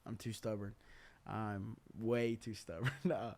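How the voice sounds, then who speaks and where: A man's voice: fairly low pitch, little pitch movement, a little slow, a little mellow. Young male host, candid casual storyteller. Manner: earnest, candid, loose talk full of "uh", "man", "dude". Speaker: podcast host.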